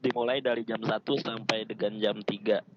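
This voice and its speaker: A male course instructor giving brief halting remarks in an online meeting, his audio choppy and breaking up over the call. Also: lowish voice, steady tone, highs cut off, noisy background. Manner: halting, with pauses and fillers. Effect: choppy, breaking-up video call audio. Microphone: video call.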